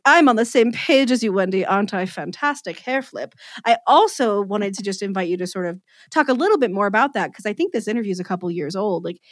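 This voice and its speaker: Woman podcast host, mid-pitched, talkative, joking at her own expense. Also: no room sound. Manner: chatty, animated, self-deprecating humor. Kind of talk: casual interview.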